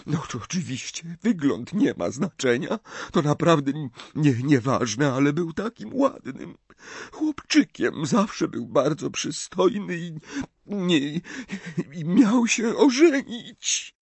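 A man voicing an anxious, motherly middle-aged woman who speaks haltingly and emotionally. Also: a little high, big pitch swings, breathy edge, dry recording, pitched above the performer's own voice, full character voice. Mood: grieving.

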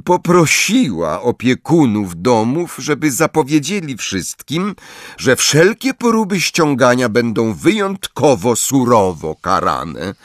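Stern old witch teacher put on by a man, formal, raised voice, lively lilt, audiobook. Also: medium pitch, slow pace, no room sound, clean studio sound, pitched above the performer's own voice. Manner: strict, formal warnings. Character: stern older female witch professor.

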